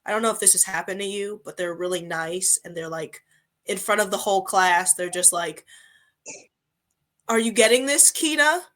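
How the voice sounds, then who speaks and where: Chatty young woman host, lowish voice. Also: a little fast. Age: 20s. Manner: chatty, frequent "like" fillers, lively when quoting others. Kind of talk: casual interview chat.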